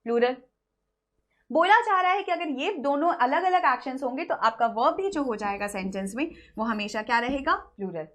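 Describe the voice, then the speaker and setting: Teaching English grammar in an online lecture, a woman uses Hindi and English together. She asks and answers her own questions and slows for example sentences. Her voice sits high, with lively intonation and slight brightness.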